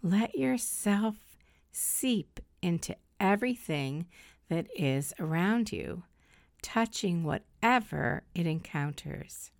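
A middle-aged woman leading a guided meditation in a soft, soothing, breathy delivery with long pauses. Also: lowish voice, animated, no room sound, studio quality.

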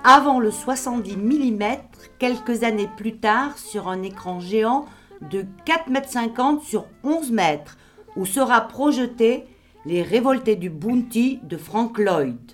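A woman's voice: on the high side, expressive, unhurried, faint music behind. A woman reading scripted narration for a radio serial.

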